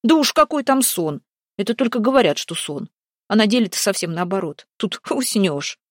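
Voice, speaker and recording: Woman voicing a young prince, loud, excitable, raised pitch, dry sound. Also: normal speed, no room sound. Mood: indignant. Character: brash, indignant young prince.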